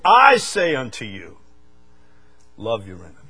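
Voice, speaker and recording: With a medium-pitched voice that swoops wildly, an older man from the U.S. preaches at a measured pace. His sermon shifts between fervent, loud sections and quiet asides.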